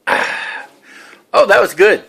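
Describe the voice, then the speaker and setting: A woman's voice: deep voice, very animated, a little slow, fairly bright tone, slightly rough. A woman playing with a toddler in a home kitchen, coaxing him with simple questions and animal sounds in a sing-song baby-talk voice.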